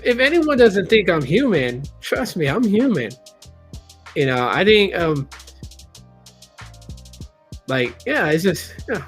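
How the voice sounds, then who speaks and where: A man in his late thirties hosting a live stream, talking candidly in a rambling, casual way with many restarts and reading chat aloud. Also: on the high side. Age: 30s.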